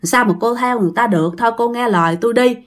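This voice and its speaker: A woman playing an older village man who coaxes a ghost, in a soothing, pleading, lowered voice. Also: racing, lightly acted. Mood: coaxing. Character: calm older male village spirit-chaser.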